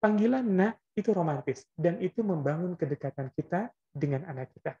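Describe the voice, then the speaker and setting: A man's voice: sits high, a little fast, mellow, dull audio. Man giving a casual religious parenting talk. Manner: explanatory, conversational, tags lines with "gitu ya". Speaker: Islamic parenting teacher. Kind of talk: Islamic parenting lecture.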